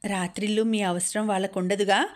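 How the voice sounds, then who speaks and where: A woman voices a calm, sensible young woman in an audiobook story. She speaks in a measured, gently firm way, at an even middle pitch. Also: natural voice. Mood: composed.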